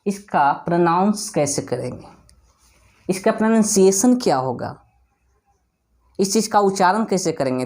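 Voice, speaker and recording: A man teaching an English lesson, explaining spelling and pronunciation, asking and answering his own questions and repeating words slowly to drill them. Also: fairly high pitch, a little mellow.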